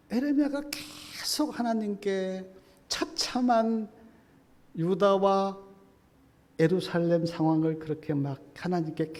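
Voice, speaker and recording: Male pastor, sermon, fervent preaching, soft to loud, echoing church hall. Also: sits high. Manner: swings between hushed and loud fervent preaching. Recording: long reverb of a church hall.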